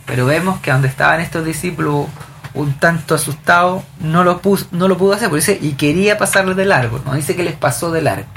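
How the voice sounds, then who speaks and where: Leading a group Bible study, a woman speaks fairly quickly in a deep yet somewhat bright voice, reading out verses, explaining the scripture, and putting questions to the group. A slight hiss or hum is audible.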